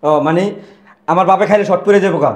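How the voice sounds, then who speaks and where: An actor playing a hot-tempered husband who rough-talks and scolds his wife and her relatives over his father. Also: sits high, quick pace, echoey room, natural voice. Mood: angry scolding. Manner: shouting, scolding, rough colloquial speech. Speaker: angry son defending his father.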